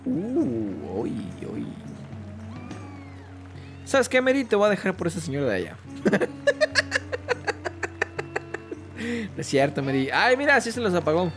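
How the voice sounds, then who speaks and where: A man's voice: on the high side, huge pitch swings, normal speed, fairly bright tone, faint music behind. A man with a Mexican accent, chatting casually and joking while he plays and comments on a game. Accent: Mexican Spanish. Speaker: gaming YouTuber.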